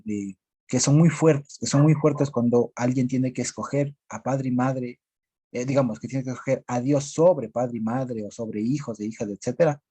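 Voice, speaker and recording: A man leads a group Bible study, halting and searching for words with many fillers. His voice is very dark and husky, recorded dry and close. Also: mid-range voice, no room sound.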